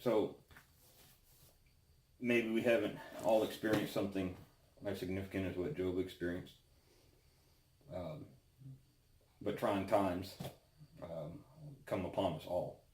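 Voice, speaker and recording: A man giving a casual devotional talk and Bible reading, halting and pausing often mid-sentence. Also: deep voice, steady tone, darkish tone, slight background noise. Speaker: devotional host. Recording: roomy, echoing sound.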